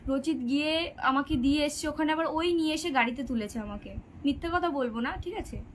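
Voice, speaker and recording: A woman's voice: high-pitched, a little fast, a little hiss or hum, poor audio. A sixteen-year-old girl chatting on a live stream, reading out viewers' comments and answering their questions. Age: teenager, 16. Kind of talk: casual live-stream chat.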